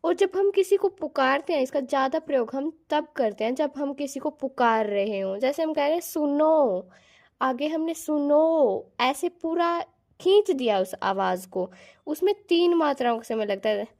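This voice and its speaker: A woman teaching a Hindi grammar lesson, explaining patiently, restating each point and slowly sounding out letters as examples. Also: high-pitched, lively intonation, creaky.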